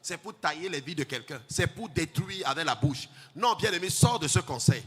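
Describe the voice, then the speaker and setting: Male pastor, high lively chanted sermon voice, husky edge, long hall echo with faint music. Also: normal speed. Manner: chanting, sing-song preaching that swells to shouts. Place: church hall.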